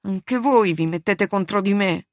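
A woman's voice: mid-range voice, a little slow, dry recording, studio quality, natural voice. A woman reading as a tense young man. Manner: strained, nervous inner voice. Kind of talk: audiobook reading.

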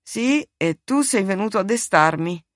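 A woman's voice: mid-range voice, animated, measured pace, dry recording, studio quality, lightly acted. A woman reading as a sleepy, vain man. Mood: drowsy. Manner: drowsy, dismissive. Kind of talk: audiobook reading.

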